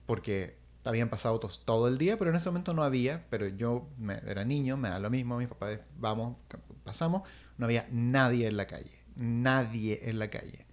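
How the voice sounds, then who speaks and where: A young man telling a personal story in casual chat, animated and acting out sounds. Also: mid-range voice, a little fast. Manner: animated, acts out voices and sounds, restarts.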